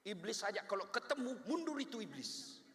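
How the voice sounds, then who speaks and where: This sermon comes from a man with a high voice who talks a little fast and has a Makassar Indonesian accent. Playful and animated, he imitates how husbands and wives speak, and the big hall gives the audio an echo.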